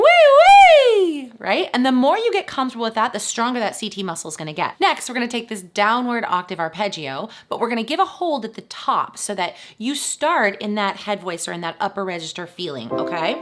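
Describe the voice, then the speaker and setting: A woman's voice: medium pitch, lively intonation, brisk, hardly any pauses, fairly bright tone. A woman teaching as a voice coach, upbeat and encouraging as she talks students through vocal exercises. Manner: upbeat and encouraging, checks in with "right?". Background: piano accompaniment.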